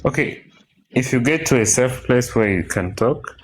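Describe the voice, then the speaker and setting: A man's voice: medium pitch, lively intonation, normal speed, slight background noise, poor audio. A man hosting a live call-in debate, teasing and deflecting as he answers a caller.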